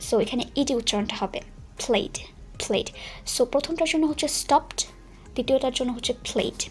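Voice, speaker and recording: A woman teaching pronunciation, who explains patiently and repeats each word slowly for learners. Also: sits high, darkish tone, soft background music. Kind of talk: explanatory language lesson.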